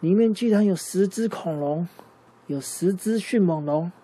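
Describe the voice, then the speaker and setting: A man improvising a bedtime story for a child, lively and asking the listener questions along the way. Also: high voice, unhurried, breathy edge.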